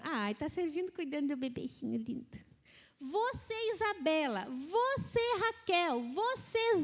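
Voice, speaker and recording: High-pitched Brazilian woman preaching to women, animated and mimicking, recorded with a long church-hall echo. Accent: Brazilian Portuguese. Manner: lively, mimics complaining voices. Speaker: women's ministry speaker. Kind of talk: casual sermon to a women's group.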